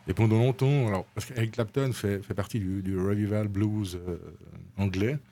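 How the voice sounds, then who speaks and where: Deep, blunt male guitarist. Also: moderate pace. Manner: animated, blunt, repeats himself. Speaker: guitarist guest. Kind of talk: casual interview answers.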